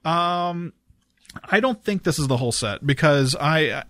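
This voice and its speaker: A man hosting a casual chat, halting and often repeating words as he searches for the next. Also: fairly high pitch, animated, sharp tone, no room sound, clean studio sound. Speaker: show host.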